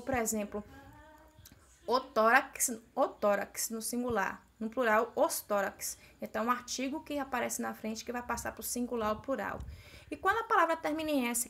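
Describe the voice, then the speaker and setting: A woman's voice: fairly high pitch, fairly bright tone. A young adult Brazilian woman teacher with a Brazilian Portuguese accent, explaining a grammar lesson in a recorded video class and checking in with "né?". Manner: explanatory, repeats "né?" to check understanding.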